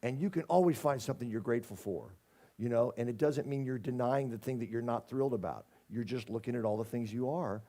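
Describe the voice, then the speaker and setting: A man's voice: mid-range voice, fast, warm tone. A man giving a casual sermon as a spiritual community minister, folksy and conversational with plenty of jokes.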